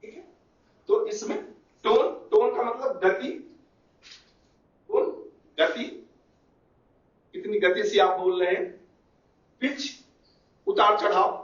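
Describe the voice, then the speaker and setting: A man teaching a class, explaining each term slowly and repeating it with Hindi equivalents. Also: sits high, expressive, a bit bright. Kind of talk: classroom lecture. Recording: echoey, distant, muffled room recording.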